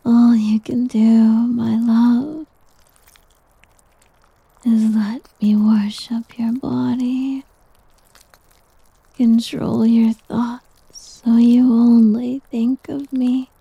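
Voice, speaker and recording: A woman voicing a doting, possessive slime creature in an ASMR roleplay, whispering softly and teasingly. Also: a little high, little pitch movement, extremely slow, long pauses, dry recording, heavily acted. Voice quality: breathy. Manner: soft whispering, teasing and coaxing. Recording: dull lo-fi audio.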